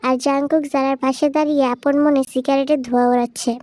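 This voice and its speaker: Young woman storyteller, high voice, dry recording. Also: level tone, fast, dark tone, no room sound. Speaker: narrator. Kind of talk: storybook narration of fan fiction.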